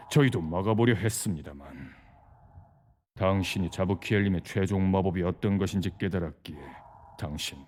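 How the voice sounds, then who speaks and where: An actor playing a calm, persuasive dark lord of a demon race in a fantasy game, speaking formally and deliberately. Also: male voice, deep voice, slight background noise, close to an everyday voice. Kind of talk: scripted fantasy game voice acting.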